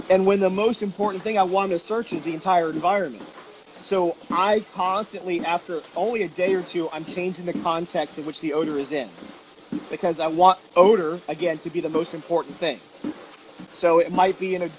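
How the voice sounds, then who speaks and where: This high-pitched instructor trains detection dogs and talks casually in an interview, making emphatic points by posing questions and answering them with examples. The audio is dull and lo-fi, with a faint layer of noise.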